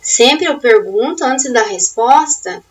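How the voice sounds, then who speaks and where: A woman's voice: on the high side, expressive, slow pace, recorded from a distance, rough recording. A woman teacher walking pupils through a worksheet in a remote lesson, asking questions and giving step-by-step instructions with emphatic, rising intonation.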